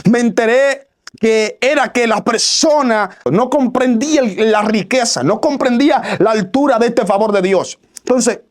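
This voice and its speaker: High-voiced preacher. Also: male voice, a little slow. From Dominican Republic. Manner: emphatic, repeats phrases in building lists; raises his voice to a near shout at peaks. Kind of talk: radio sermon.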